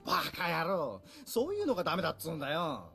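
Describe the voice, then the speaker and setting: A brash, cheery young samurai captain for a visual novel game. His voice is high and swings widely as he teases and blusters in rough slang, very fast, over music. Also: huge pitch swings, pushed and bright, exaggerated voice. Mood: scolding. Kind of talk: Japanese visual novel voice acting.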